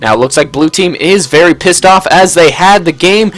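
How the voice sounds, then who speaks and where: A young man giving jokey, casual play-by-play commentary on an online match, talking quickly and tripping over his words now and then. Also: on the high side, fairly bright tone, faint music behind. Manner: rapid, jokey play-by-play with stumbles. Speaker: game commentator. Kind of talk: casual live game commentary.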